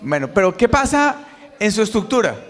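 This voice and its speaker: A middle-aged Colombian man giving a conference talk, lively and quizzing the audience directly. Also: high voice, moderate pace. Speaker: motivational speaker. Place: large conference hall. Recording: reverberant hall, mic on stage.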